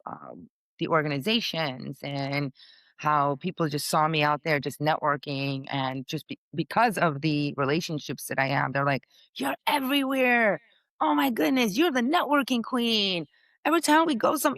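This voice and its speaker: Middle-aged woman, from Portugal, bright tone, dry close sound, chatty guest with fillers. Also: on the low side, no echo. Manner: upbeat, chatty, full of fillers. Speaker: podcast guest, entrepreneur. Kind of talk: casual interview talk.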